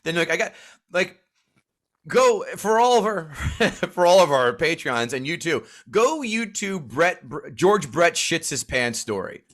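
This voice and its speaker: A middle-aged man co-hosting a casual comedy podcast, swearing freely and telling stories with shouted-out quotes. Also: on the high side, a little slow. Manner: profane, animated storyteller who shouts out quotes. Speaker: podcast co-host.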